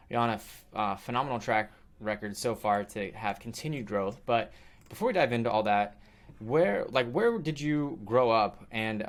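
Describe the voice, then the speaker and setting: Man, podcast host, casual interviewer, chatty, lots of fillers, mid-pitched voice. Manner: chatty, uses many fillers like "you know" and "like".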